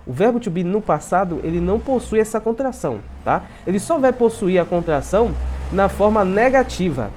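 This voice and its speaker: Animated man teaching English. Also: high-pitched, a little hiss or hum. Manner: repetitive, ends phrases with tag questions, drills example sentences slowly. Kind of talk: video language lesson.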